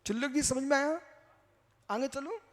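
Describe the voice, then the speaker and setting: A man, a Jain monk, giving a slow teaching discourse and calling on listeners by name. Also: extremely high pitch, a bit bright, long reverb tail. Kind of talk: sermon.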